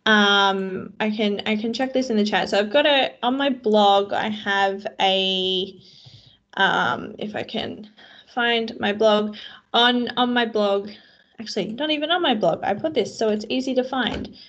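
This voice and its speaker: A woman's voice: medium pitch, measured pace, a bit bright. Woman, casual meetup talk, filler-heavy, self-deprecating, muffled call audio. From Australia. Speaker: co-presenter, web developer. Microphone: video call. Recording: slightly dull online call audio.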